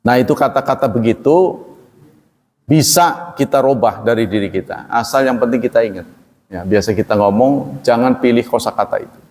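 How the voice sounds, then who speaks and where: A male Islamic teacher gives a study-circle lecture in a relaxed, chatty way, breaking down Arabic terms and checking with his listeners. His voice sits at an ordinary middle pitch. The recording carries a long, lingering reverb from a large hall. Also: normal speed. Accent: Indonesian, from Banten region. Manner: conversational, explains Arabic terms, asks audience questions.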